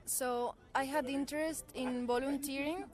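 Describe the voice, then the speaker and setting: A woman's voice: sits high, fairly even intonation, measured pace. A woman in her twenties from southern Spain with a Spanish accent, answering radio interview questions in a hesitant way. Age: 20s. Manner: hesitant, with fillers. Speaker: guest volunteer.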